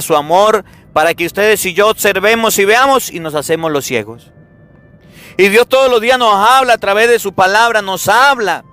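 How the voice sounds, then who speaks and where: Animated priest preaching, high bright voice. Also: male voice. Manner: animated storytelling, acting out everyday dialogues. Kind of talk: sermon.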